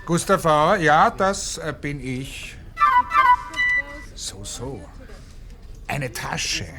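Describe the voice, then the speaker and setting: Very slow, hesitant family man over music. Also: on the high side, lively intonation, exaggerated voice. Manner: hesitant, drawn-out. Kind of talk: radio play acting.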